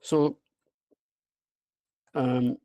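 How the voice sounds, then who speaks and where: A man's voice: medium pitch, level tone, extremely slow, warm tone, no echo. A man with a broad Scottish accent giving an informal online presentation, hesitant and self-deprecating but enthusiastic. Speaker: presenter, app creator. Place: remote online video call with screen share.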